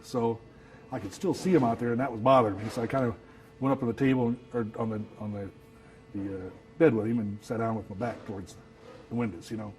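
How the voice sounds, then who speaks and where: A man, telling his story in an interview in a halting, soft-spoken way, filling his talk with "you know.". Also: medium pitch, steady tone, low-quality recording. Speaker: actor who works as Santa, telling his story.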